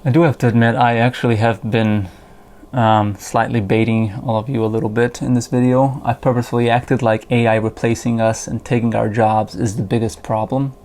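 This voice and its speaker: A man ranting to camera in an opinion video, swearing often and emphatic, with sarcastic loud outbursts and muttered asides. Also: medium pitch, level tone, fairly quick. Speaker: video essayist.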